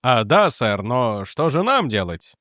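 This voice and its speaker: A man doing a dutiful police superintendent in a storybook reading, plain and matter-of-fact at a middling pitch. The sound is dry and close. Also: big pitch swings, a little slow, sharp tone, no room sound. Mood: puzzled.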